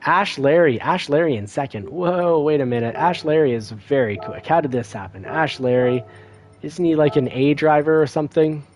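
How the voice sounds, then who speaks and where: A man giving casual commentary while playing a racing game, chatty and thinking aloud, getting excitable when he crashes. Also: a little high, moderate pace, faint music behind. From Canada. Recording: audible car game noise behind voice. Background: racing game car sounds.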